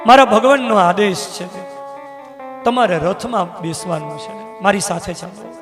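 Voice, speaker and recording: A man's voice: high voice, measured pace, in a large hall, over music. A man voicing a grieving, loyal young prince in a sung religious storytelling, pleading and choked with sorrow. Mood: sorrowful pleading.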